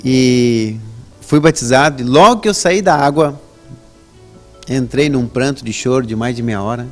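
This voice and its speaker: A man shares his personal religious testimony as an interview guest. His voice sits at an everyday middle pitch, and he tells the story in a relaxed, chatty way, rising in pitch when he stresses a point. He often tags his sentences with a quick questioning check-in. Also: soft background music.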